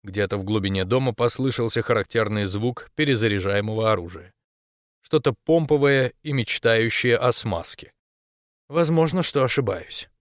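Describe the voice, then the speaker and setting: A man narrating a first-person audiobook in a measured voice with wry, deadpan asides. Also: mid-range voice, no echo, studio quality.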